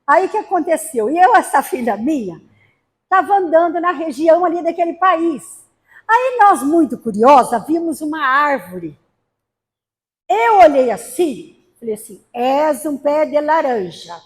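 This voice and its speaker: Brief: high-pitched woman lecturer from Brazil, humorous storyteller. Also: big pitch swings, measured pace. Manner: storytelling with acted quotes and humor. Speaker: spiritist lecturer. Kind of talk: spiritist talk to a gathering. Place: spiritist center hall.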